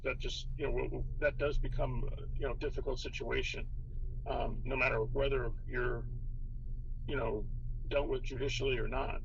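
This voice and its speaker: A man speaking haltingly and repetitively in a reassuring private meeting, as a congregation elder. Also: medium pitch, creaky, fairly bright tone. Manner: hesitant, repetitive, frequent 'you know'. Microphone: hidden recorder. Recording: dull covert recording, faint background noise.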